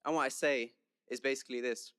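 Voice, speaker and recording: Smooth-voiced young London man. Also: mid-range voice, fairly even intonation, fairly quick, a bit bright, no echo, studio quality. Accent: London English. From London, England. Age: young adult. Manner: chatty, joking and conversational. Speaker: senior class speaker. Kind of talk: commencement speech.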